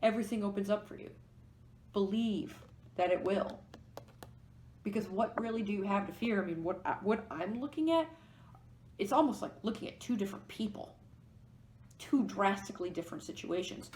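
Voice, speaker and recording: A woman's voice: mid-range voice, moderate pace, pauses often, a little mellow, a little hiss or hum. Tarot reader, female, mid-range voice, thinks aloud while walking through the cards; room with noticeable echo. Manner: musing, explains each card as she goes. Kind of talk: pick-a-card tarot reading to camera. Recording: echoey room.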